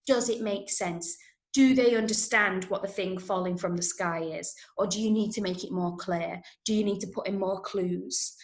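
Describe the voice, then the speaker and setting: Teaching a script-writing workshop, this Manchester woman with an English accent explains ideas and keeps asking questions to make sure her listeners understand. She speaks at a normal speed in a mid-range, steady voice. The room sound is spacious and echoing.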